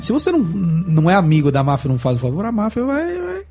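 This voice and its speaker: A man's voice: high-pitched, wildly swooping pitch, fast talker, dark tone, faint music behind. A Brazilian man co-hosting a casual podcast, telling anecdotes and laughing through them. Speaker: podcast co-host. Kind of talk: casual banter.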